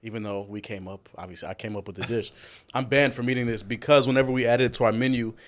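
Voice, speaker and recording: A young man who owns a restaurant, talking as a guest in an energetic, enthusiastic way. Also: medium pitch, quick pace. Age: young adult. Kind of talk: casual interview chat.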